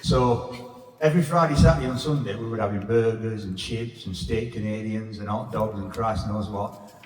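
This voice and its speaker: A Sheffield man in his fifties rambles through a blunt, sweary stand-up set. His voice sits at a middling pitch and reaches the recording from a distance, washed in long echoing reverb from the stage mic. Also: normal speed, a little mellow. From England. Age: 50s. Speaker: stand-up comedian. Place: pub function room. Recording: echoey reverb room from far off.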